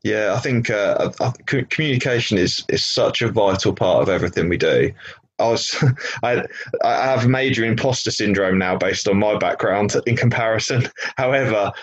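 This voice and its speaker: A male podcast host with a low, husky voice who talks in a loose, rambling way and keeps restarting his sentences. The recording is dry and a little dull, like a lo-fi mic. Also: normal speed, no room sound. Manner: rambling, self-correcting storytelling. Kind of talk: casual interview chat. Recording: slightly dull, dry lo-fi sound.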